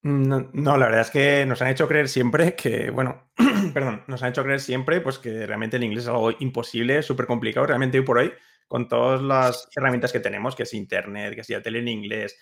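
A man's voice: medium pitch, a little fast, creaky, fairly bright tone. A man, a guest in a conversational interview who repeats his points for emphasis. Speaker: co-creator of an English-learning method, guest.

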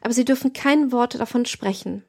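A pious young servant speaks earnestly and with deference to her masters, as a woman reads her lines. Her voice is fairly high and clear in audiobook delivery. She sounds careful and sincere. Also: a little fast, a little mellow. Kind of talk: audiobook reading.

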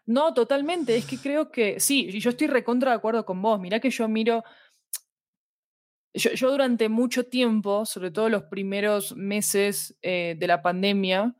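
Thoughtful and discursive, a Latin American woman who makes fiction podcasts talks as a guest in a reflective interview, frequently checking in with tag questions. She has a voseo-using Latin American Spanish accent and a slightly high voice at a measured pace. The studio-quality audio has no echo.

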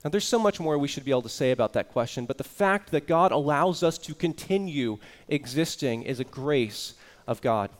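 A man's voice: on the high side, animated, moderate pace. A man preaching an earnest sermon as pastor, explaining scripture with rising emphasis.

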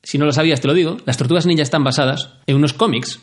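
A man talks very fast in a casual podcast chat. His voice sits a bit high, and he tells his stories with lively enthusiasm. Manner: enthusiastic storyteller, animated asides. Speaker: podcast co-host.

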